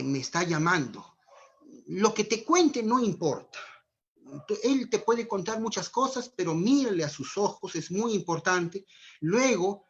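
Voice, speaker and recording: A man giving an earnest online parenting talk with a Peruvian Spanish accent, speaking straight to mothers and fathers and asking them rhetorical questions. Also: a little high. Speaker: parenting lecturer. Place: home during lockdown. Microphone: video call. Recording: dull lo-fi stream audio.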